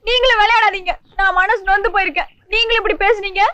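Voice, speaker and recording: A desperate young village bride. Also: female voice, extremely high pitch, steady tone, fast talker, no room sound, dull audio. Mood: pleading. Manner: pleading, tearful. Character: young village woman forced into marriage, desperate. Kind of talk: 1980s film acting. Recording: film soundtrack with loud music.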